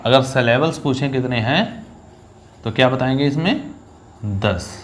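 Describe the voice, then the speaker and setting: Guy teaching a sonnet for exams, mid pitch, goes slow and stresses each syllable. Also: a little hiss or hum. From India. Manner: explains step by step, reads lines slowly with stress on each syllable. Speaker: English teacher. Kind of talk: exam-focused poetry lesson.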